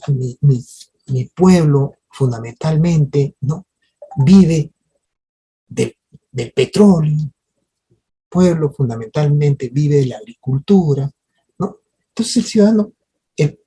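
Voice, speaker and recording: Poor audio captures a lecturer with a mid-range, dark voice and a breathy edge teaching a parliamentary training workshop. They appeal to the audience with tag questions, often breaking off mid-phrase to start again and repeating words.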